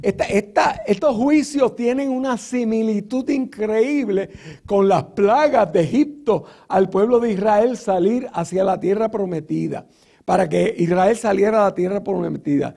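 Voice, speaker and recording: A high-voiced man preaching a sermon, with a gravelly, creaky edge to his voice. He speaks slowly and unhurriedly, teaching through scripture with rhetorical questions and plenty of filler sounds between phrases. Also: mellow. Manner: frequent filler sounds and restarts.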